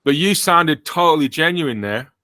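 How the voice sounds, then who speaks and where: A man's voice: a little high, animated, normal speed, bright, forceful tone, no room sound. A man with an English accent hosting a casual podcast chat, joking dryly and poking fun at himself. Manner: dry, joking, self-mocking. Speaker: podcast host.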